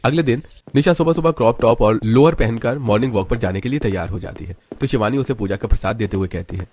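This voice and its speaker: A man's voice: medium pitch, fast talker, darkish tone, a little hiss or hum. A man narrating a cartoon story in a plain, scripted storytelling style.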